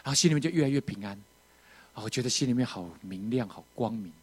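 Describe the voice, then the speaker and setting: A man preaching a testimony, telling his story with strong feeling, rising to loud outbursts and dropping to quiet moments. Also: mid-range voice, fast talker, slightly rough. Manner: emotional, animated storytelling with sudden loud outbursts and quiet drops. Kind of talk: sermon testimony.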